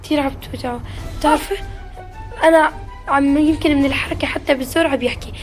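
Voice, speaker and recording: Young woman hosting a family vlog, rapid-fire and doting, over background music. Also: high-pitched, steady tone.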